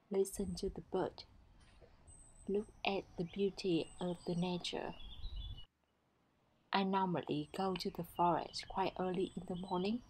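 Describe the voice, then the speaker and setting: A woman narrating a foraging vlog as a guide, speaking calmly in simple, non-native English. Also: fairly low pitch, a little hiss or hum. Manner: calm, simple instructive phrasing.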